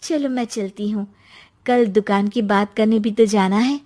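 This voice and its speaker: A woman's voice: medium pitch, measured pace, dark tone, lightly acted. A woman voicing a cheerful, trusting young wife in a cartoon story. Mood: anxious.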